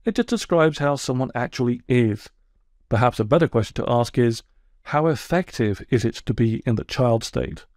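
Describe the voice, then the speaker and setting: A man voicing a calm male heron counsellor who asks patient, probing questions in a measured way. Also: medium pitch, dry recording, clean studio sound, natural voice.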